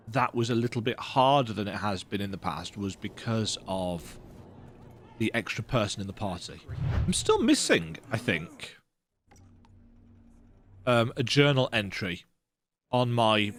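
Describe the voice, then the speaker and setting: A man's voice: fairly low pitch, slow pace, pauses often, fairly bright tone, a little hiss or hum. A man giving casual let's-play commentary, thinking aloud as he plays. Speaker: gamer.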